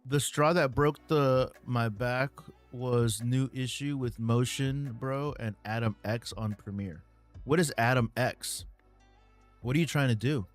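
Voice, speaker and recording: A man hosting a casual live stream, answering viewer questions in a relaxed way with many ums and uhs. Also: medium pitch, unhurried, faint music behind.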